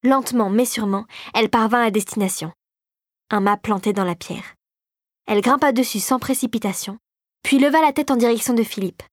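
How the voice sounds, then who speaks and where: A woman reading a storybook aloud in a measured, expressive way. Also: fairly high pitch, dry recording, studio quality. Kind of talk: audiobook narration.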